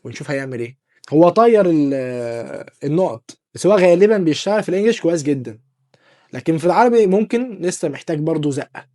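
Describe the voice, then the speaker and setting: Egyptian guy doing a quick jokey software tutorial, talks super fast, keeps calling you dear artist. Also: a little high, animated. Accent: Egyptian Arabic. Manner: chatty, joking, addresses viewer as dear artist. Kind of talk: casual screen-recorded tutorial.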